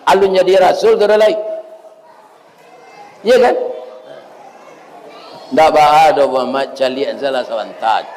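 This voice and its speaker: A man's voice: fairly high pitch, measured pace, pauses often, a little mellow, some chatter behind. A middle-aged man with a Minangkabau accent preaching a folksy village mosque sermon, calling his listeners "Pak", chanting verses and reciting rhymes. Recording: long echo of a mosque hall.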